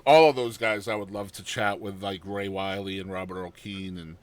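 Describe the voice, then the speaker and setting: A man's voice: low voice, steady tone, moderate pace, no echo. A middle-aged man from Massachusetts hosting a podcast interview, chatty and jokey, laughing often. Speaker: podcast host. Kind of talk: casual interview chat.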